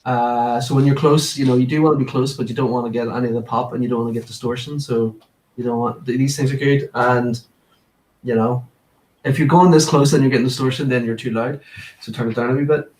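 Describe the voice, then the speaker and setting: A man joins a relaxed video-call chat, talking practically and getting a bit nerdy about his equipment. His voice sounds roomy and set back from the mic. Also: mid-range voice, brisk. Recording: roomy and distant.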